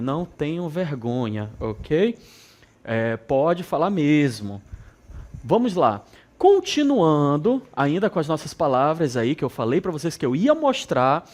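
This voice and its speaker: A man from northern Brazil with a regional accent, teaching an English lesson to students and repeating words slowly with frequent check-ins. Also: fairly high pitch, darkish tone. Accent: northern Brazilian Portuguese. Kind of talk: televised school lesson.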